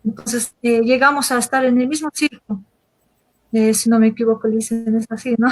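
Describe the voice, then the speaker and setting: A woman hosts a conversation, thinking aloud in a reflective, halting way. Her voice sits fairly high, and her intonation stays quite even and flat. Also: rough recording. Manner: reflective, hesitant, full of fillers. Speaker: interview host. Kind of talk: conversational interview.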